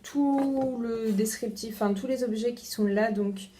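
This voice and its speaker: Chatty young woman with a mellow voice. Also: fairly high pitch, a little slow. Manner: chatty, many hesitations and repeated words. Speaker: book vlogger. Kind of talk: casual unboxing chat. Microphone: front-facing camera.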